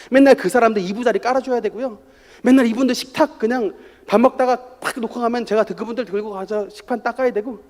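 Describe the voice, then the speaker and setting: A middle-aged male pastor delivers a Sunday sermon and tells his story with animated, swinging intonation. His voice sits high for a man and jumps around a lot. The sanctuary adds a long, hanging reverb. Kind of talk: sermon with personal testimony. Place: church sanctuary. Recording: church hall reverb.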